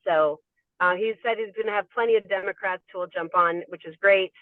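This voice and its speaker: Sex: man. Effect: speakerphone from a moving car. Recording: tinny dry phone line. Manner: hesitant, restarts often. Pitch: high for a man. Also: fairly even intonation, brisk, no echo. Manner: hesitant, many ums and restarts. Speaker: advocacy member calling in. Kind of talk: casual update on a conference call. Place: inside a car while driving.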